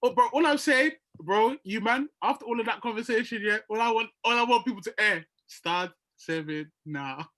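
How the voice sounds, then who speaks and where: A young man co-hosting a casual podcast chat, animated and laughing, full of slang. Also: high voice, normal speed, hardly any pauses. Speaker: podcast co-host.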